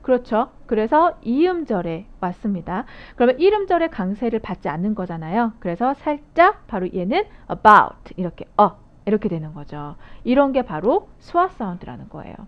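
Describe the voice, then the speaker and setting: A woman's voice: a little high, very animated, normal speed, few pauses. A woman giving a recorded phonics lecture to teachers, explaining rules step by step and asking her viewers questions. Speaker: phonics instructor training teachers. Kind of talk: video lecture. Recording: dull lo-fi audio.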